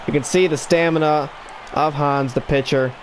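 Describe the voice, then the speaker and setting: A gaming YouTuber with a voice on the high side calls a baseball video game at a moderate pace, broadcaster-style, despite having the hiccups. His play-by-play builds in excitement on big plays, and the home-room recording carries a little hiss or hum.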